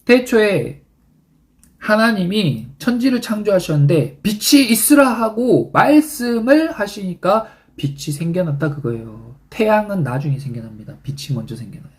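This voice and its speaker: A middle-aged male pastor giving a sermon, animated, quoting scripture and urging his congregation. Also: normal speed. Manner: animated preaching with wide pitch swings, quoting scripture.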